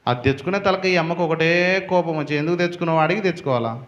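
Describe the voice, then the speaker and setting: A man's voice: on the high side, quick pace, dull audio. A male pastor preaching a sermon, asking rhetorical questions and building to emphatic peaks.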